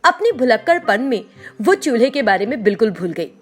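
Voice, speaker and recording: A woman narrating a scripted children's story in an expressive storytelling manner. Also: fairly high pitch, a little fast, soft background music.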